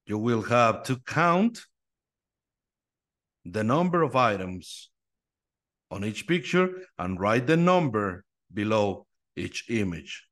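A man teaching English numbers to students, slowly repeating each word three times and explaining in Spanish with a Mexican accent. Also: on the low side, very animated, fairly bright tone. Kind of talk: slow, repetitive English lesson drill.

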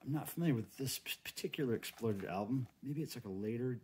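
Speaking fast and with animation, a middle-aged American man with a mid-range, slightly mellow voice thinks aloud while unboxing cassettes at a table indoors. As the host, his commentary is casual and folksy. Plastic wrap crinkles and cases click, with the handling noise coming through clearly.

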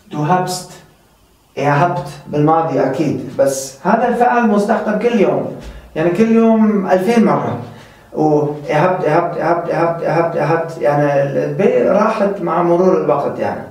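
A man's voice: high-pitched, darkish tone. A man teaching a casual German lesson, patiently repeating example sentences and quizzing his viewers. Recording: very echoey room, mic far off.

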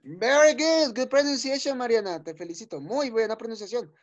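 A male teacher leading an online class for young children. He is patient and encouraging, repeating each word slowly and checking in often. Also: very high voice. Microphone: video call. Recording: dull lo-fi video call audio.

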